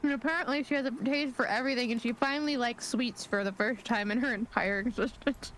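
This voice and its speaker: Woman game master, fairly high voice, easygoing scene narration. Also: steady tone, quick pace, a bit bright, slight background noise. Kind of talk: tabletop roleplay chat.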